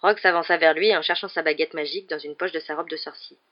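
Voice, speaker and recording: Woman reading a book out loud, lowish voice, steady, kinda muffled lo-fi. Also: quick pace. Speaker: audiobook reader. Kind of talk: reading a novel aloud. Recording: muffled lo-fi recording.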